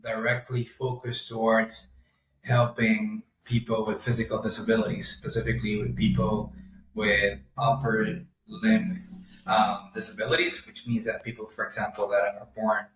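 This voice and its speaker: A young man speaks in a low, fairly monotone voice, measured and pausing often to find his words. He sits some way from the mic, so the room's echo colors every phrase. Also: a little hiss or hum. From Honduras. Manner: measured, pauses with frequent ums. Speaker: podcast guest. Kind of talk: casual interview. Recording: roomy, distant mic.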